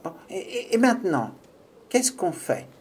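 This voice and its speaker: Small proud squirrel, put on by a woman narrator, animated and unhurried, children's audio story. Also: medium pitch, husky, full character voice. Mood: curious.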